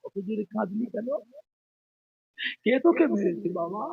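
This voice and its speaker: A man preaching a sermon, voicing a poor widowed mother who pleads gently with her son. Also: high-pitched, normal speed, creaky, husky, narrow, tinny audio, exaggerated voice. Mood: worried. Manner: pleading, soft-spoken.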